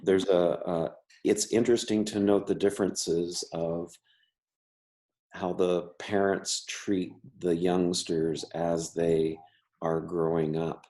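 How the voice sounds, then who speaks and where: A man's voice: deep voice, flat delivery, slow, warm tone. A man who stutters, an artist and teacher talking casually in an interview, with many restarts and repeated words. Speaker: member artist.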